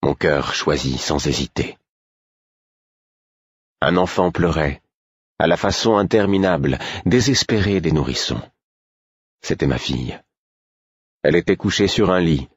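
A man reading an audiobook in a very deep, husky voice, calm and measured in his storytelling. The recording is close and dry, with no room sound at all. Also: no room sound, muffled recording. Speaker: audiobook narrator. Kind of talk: scripted first-person narration.

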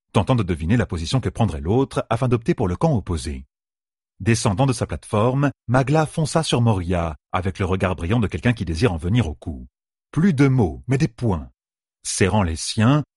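Low, husky male audiobook narrator. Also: darkish tone, no echo, studio quality. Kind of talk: scripted narration.

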